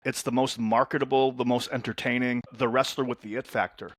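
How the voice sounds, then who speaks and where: This podcast guest, a men's transformation coach originally from Lebanon and brought up in the U.S., talks in a casual interview with brisk, lively storytelling. He tends to double words when launching a sentence, and his mid-range voice stays level, with no echo.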